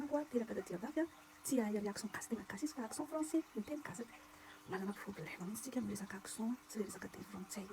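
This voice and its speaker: A woman from Madagascar with a Malagasy accent, giving casual TikTok commentary in rapid, repetitive bursts with whispered asides. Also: on the high side, a little mellow, slight background noise, rough recording.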